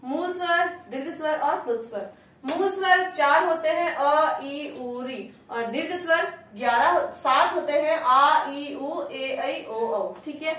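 High-pitched lady teacher going over a lesson, repeats stuff, very echoey room, mic far away. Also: slow pace, a bit bright, a little hiss or hum. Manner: repeats points, asks and answers her own questions. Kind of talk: classroom grammar lesson.

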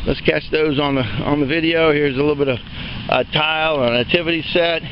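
Here an auctioneer previews an open-air sale yard on foot, talking off the cuff in a loose, homespun style packed with fillers as he lists what's up for sale. His voice sits on the higher side, fairly level in intonation and a bit quick. The audio is muffled with slight background noise.

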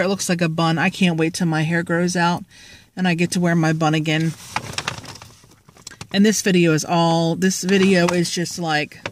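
With a lowish voice and slight background noise, a woman vlogs from a parked car, holding the phone at arm's length. Her talk is rambling and jokey, full of fillers.

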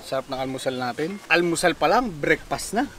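A man's voice: fairly high pitch, animated, normal speed, fairly bright tone, slight background noise. A man at an outdoor campsite narrating in a chatty casual way as breakfast is cooked.

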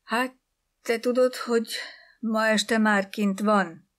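A woman's voice: a little high, fairly even intonation, voice pushed up, lightly acted. A bossy, no-nonsense cook in a storybook reading, who speaks up in a firm, raised voice. A woman puts her on. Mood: brisk. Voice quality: raised, firm, louder than the narration.

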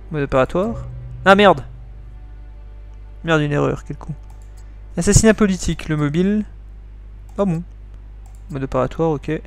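A let's play host with a slightly high, creaky voice reads game text aloud and chats casually through his playthrough. He swears whenever he slips up.

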